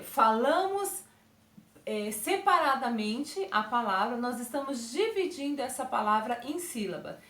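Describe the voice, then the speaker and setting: A woman's voice: high voice, roomy sound. A Brazilian woman teaching a recorded lesson to young children, using diminutives and checking in often with "ok?". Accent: Brazilian Portuguese. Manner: speaks to children with diminutives and frequent check-ins. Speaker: primary school teacher.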